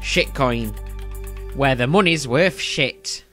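A Yorkshire man voicing a mock advert announcer, drawing out words in a salesy pitch. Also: slow pace, loud music behind the voice, close to an everyday voice. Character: male advert voiceover hawking a joke product.

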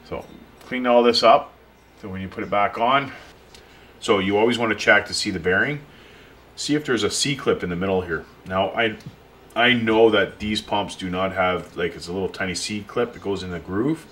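A pool and spa repair technician with a low, fairly bright voice explains a repair at his workshop bench at normal speed. He talks to the viewer in a plain, unpolished way as he works, giving a casual hands-on tutorial over tool clicks and workshop noise.

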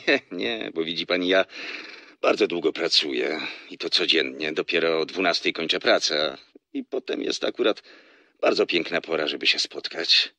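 A man's voice: low-pitched, moderate pace, sharp tone, no echo. An actor playing a flirtatious, teasing salesman in a radio drama who laughs often as he talks on the phone. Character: flirtatious smooth-talking male salesman on phone.

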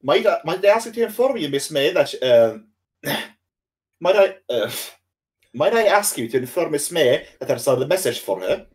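A man's voice: a little high, sing-song, moderate pace, voice pushed down. A man voicing a hesitant, polite male hotel bellboy, stammering and repeating himself. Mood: flustered.

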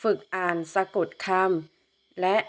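A woman teacher leading a phonics lesson for young children, reading each syllable slowly and carefully. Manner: slow, drawn-out syllable-by-syllable reading.

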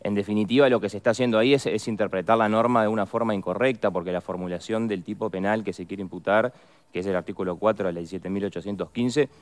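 Deep-voiced lawyer, smooth and resonant. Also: male voice, steady tone. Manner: deliberate, repeats words while searching for precise phrasing. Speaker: defense lawyer, guest. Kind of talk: measured legal explanation in a studio interview.

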